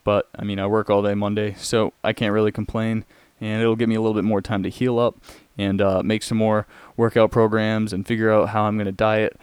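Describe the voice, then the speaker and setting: A young man hosting a casual solo podcast, talking in a rambling, halting way. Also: on the low side, little pitch movement, a little mellow, clear, resonant tone, no room sound. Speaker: podcast host.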